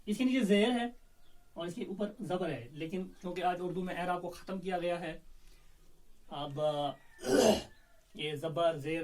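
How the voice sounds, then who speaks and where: A man teaching Urdu, explaining a poem line by line, slow and careful, repeating words to show how they are said and often clearing his throat. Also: high voice, recorded from a distance, rough recording.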